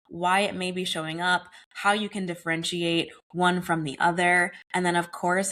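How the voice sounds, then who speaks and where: A young American woman hosts her wellness podcast solo, her voice on the low side and a bit bright, though slightly hoarse and raspy from a recent cold. Her monologue is earnest and conversational, sprinkled with casual "y'all" and "like."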